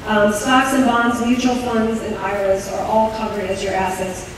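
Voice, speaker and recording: Heard from far off through a room mic in a big, reverberant meeting hall with background noise, a woman lays out benefit rules at a town hall. Her voice is medium-pitched and level at a normal speed, but her informal delivery is hesitant, packed with ums, fillers and restarts.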